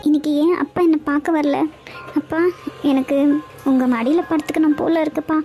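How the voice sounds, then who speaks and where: A woman's voice: high voice, steady tone, brisk, warm tone, faint music behind. A woman voicing a tender, insecure young wife in a cartoon, speaking in a plaintive, pleading way.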